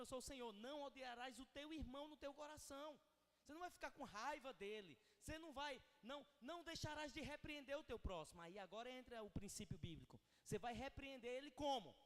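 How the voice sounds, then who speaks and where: A man's voice: very high voice, fairly bright tone. A man with a Northeastern Brazilian Portuguese accent, preaching a sermon in a large church hall and acting out the quoted dialogue as he goes. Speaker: pastor. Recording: long church-hall reverb.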